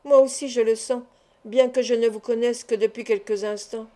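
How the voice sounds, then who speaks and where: Earnest young suitor, imploring, warm lighter voice, audiobook read by a woman. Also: a little high, fairly even intonation, moderate pace, natural voice. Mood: pleading. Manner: emotional, imploring. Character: earnest young man in love, pleading.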